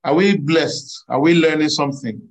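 A man preaching a sermon, animated, laughing and drawing answers from his congregation. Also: on the high side, normal speed, a loud crowd, rough recording. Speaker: pastor.

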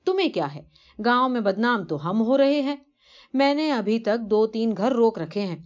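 A woman's voice: fairly high pitch, animated, a little mellow, lightly acted. Woman as reproachful, insistent wife, storybook reading, dull lo-fi sound. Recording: dull lo-fi recording.

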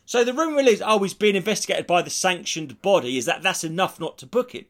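A man's voice: high-pitched, lively intonation, fast, a bit bright. A British man co-hosting a casual comic podcast, ranting bluntly and swearing freely. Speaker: podcast host.

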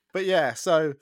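A man with an East Midlands English accent, hosting a casual podcast conversation, chatty and quick to laugh, often repeating his words. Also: on the high side, no echo, clean studio sound. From England. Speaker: podcast host.

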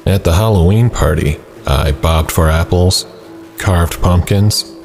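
A man with an extremely deep voice reads a first-person scary story as its narrator. Faint music plays behind him. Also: measured pace, a little mellow.

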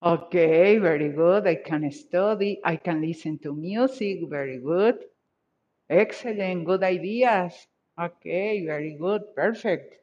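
Slow, encouraging woman teacher. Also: on the low side, muffled recording. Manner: encouraging, repeats students' sentences slowly. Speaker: English teacher. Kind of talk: online class teaching, bilingual. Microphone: video call.

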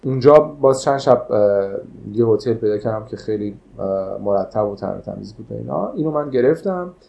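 A man's voice: on the low side, expressive, creaky, dark tone, lo-fi sound, a little hiss or hum. A man who manages a traditional hotel, casually recounting a travel memory with many hesitant filler sounds.

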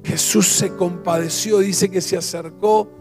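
A man with an Argentine accent preaching a sermon as pastor. He fires off rhetorical questions and drops to hushed repetitions. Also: sits high, steady tone, a little slow, soft background music.

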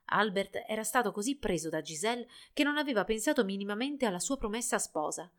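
Woman reading a fairy tale, lively. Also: medium pitch, fairly quick. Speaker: storyteller. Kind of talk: storybook narration.

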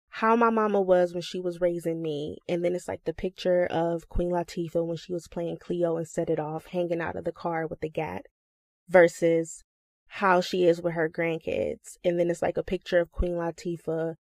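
A woman's voice: fairly low pitch, creaky, a little mellow, no echo, clean studio sound. A young woman hosting a podcast, telling personal stories in a candid, comic way with plenty of slang and laughter. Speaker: podcast host. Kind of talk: personal storytelling monologue.

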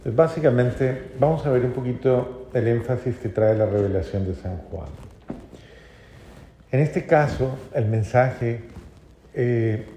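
A man preaching a homily at mass, telling a story that rises to loud emphatic peaks and drops to soft, low phrases. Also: slow pace, a little hiss or hum. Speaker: priest. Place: church.

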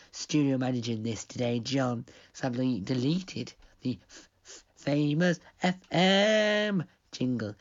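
A young adult man who owns a radio station rambles digressively through a pre-recorded intro while losing his voice. His voice is mid-range, and the sound is lo-fi.

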